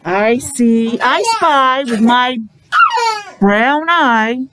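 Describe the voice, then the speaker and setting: Teaching young children in an interactive preschool lesson, a New England woman uses a sing-song delivery full of simple repeated phrases and gentle, coaxing questions. Her fairly high voice moves very slowly. Heavy background noise fills the recording.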